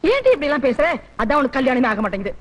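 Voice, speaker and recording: A woman's voice: high voice, big pitch swings, rapid-fire. An actress playing a devout village wife who nags and urges her husband along. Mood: nagging. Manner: urging and nagging.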